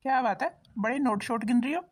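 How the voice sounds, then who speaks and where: A woman voicing a husband in a cartoon, talking in a quick, lecturing manner. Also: fairly high pitch, breathy edge. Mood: warm. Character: husband, a grown son of the family.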